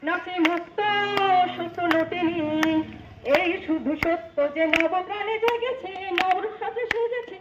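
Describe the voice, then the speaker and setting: A woman singing a steady, rousing marching song, played over a loudspeaker PA system. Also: extremely high pitch, slow pace. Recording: echoey, dull loudspeaker sound with loud street noise.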